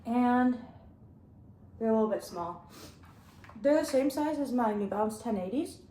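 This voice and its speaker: A woman's voice: on the high side, expressive, a little slow, warm tone, a little hiss or hum. Chatty young woman in an echoey room. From Upper Midwest. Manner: chatty, rambling, upbeat; chewing gum while talking. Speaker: running vlogger. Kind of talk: casual vlog chat.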